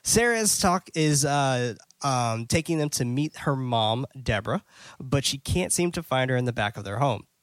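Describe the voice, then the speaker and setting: A man talks through a film in a relaxed podcast chat, full of "like" and "um", with the odd curse word. His voice sits at an ordinary middle pitch for a man. The sound is dry and close, with no room echo. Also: normal speed. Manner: loose, filler-heavy, swears casually. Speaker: podcast host. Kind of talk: casual movie-review chat.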